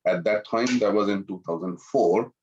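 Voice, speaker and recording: Speaking as an Islamic finance professional at a webinar, this Pakistan-born man who grew up in France gives a chatty personal introduction. He is middle-aged and polite, often tossing in "you know." His voice is lowish and somewhat dark at a moderate pace, on a muffled recording with a little hiss or hum.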